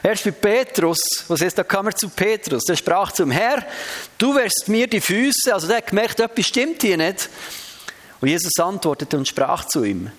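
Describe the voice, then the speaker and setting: Man, sermon, earnest conversational preacher, fairly high voice. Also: animated, normal speed. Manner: earnest, conversational preaching with dramatic readings of scripture.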